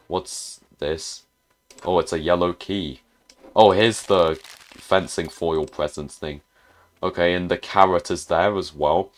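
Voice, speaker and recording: A man talks through a video game in a very low voice. He takes his time, hesitating and trailing off as he thinks aloud. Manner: hesitant, muttering to himself with restarts. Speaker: gaming YouTuber. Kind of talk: casual gameplay commentary.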